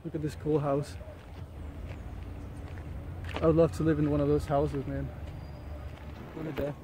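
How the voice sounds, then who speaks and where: A vlogger with a mild ear infection walks outdoors in a jungle during light rain, talking casually to camera as he muses and often searches for words. His fairly high voice shows little pitch movement and a measured pace. The recording picks up outdoor ambient noise, with faint ambience in the background.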